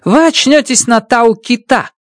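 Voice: medium pitch, a little slow, dry recording, clean studio sound, voice pushed up, close to an everyday voice. A reader voicing a stern, domineering woman mission chief who barks orders in an audiobook. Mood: coolly firm. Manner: shouting, harsh and domineering. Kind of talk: audiobook character voice.

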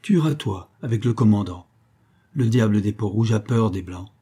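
A man's voice: fairly low pitch, expressive, moderate pace, warm tone, breathy edge. A man voicing an earnest, fearful young Indian man who pleads fervently in a spoken storybook.

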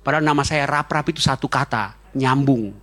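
Fast-talking joking male pastor. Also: mid-range voice, fairly bright tone. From Indonesia. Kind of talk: sermon.

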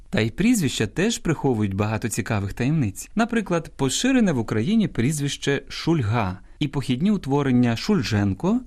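Man with a low lively voice reading a radio language program. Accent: Ukrainian. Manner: measured, didactic reading with quoted examples. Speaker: radio presenter. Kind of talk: scripted language-program narration.

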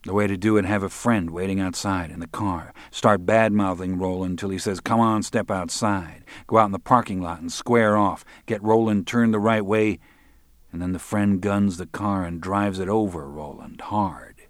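A man narrating a crime novel in an even, understated way. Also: low voice, normal speed, dry recording, clean studio sound. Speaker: audiobook narrator. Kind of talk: scripted narration.

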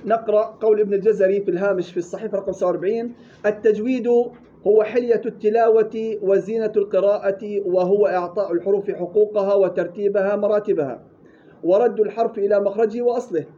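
A man teaching Quran recitation rules, demonstrating words slowly and correcting mistakes curtly. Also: sits high, fairly even intonation, warm tone. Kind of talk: tajweed lesson with drills and reading aloud. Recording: dull lo-fi recording with faint hiss.

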